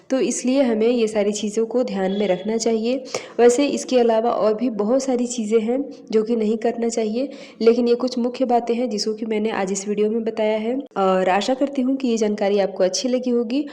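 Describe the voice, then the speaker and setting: Woman, vlogger, mellow voice, fairly high pitch, instructive, casual advice talk. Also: moderate pace. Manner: instructive, addresses viewers as friends. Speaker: vlogger giving household advice.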